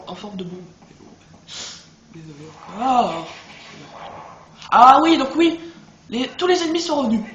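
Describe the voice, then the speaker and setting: A high-voiced young man giving chatty, excitable commentary while he plays a video game, talking straight to his viewers. The voice rings in a roomy space, with steady noise underneath. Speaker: let's play host. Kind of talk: gameplay commentary.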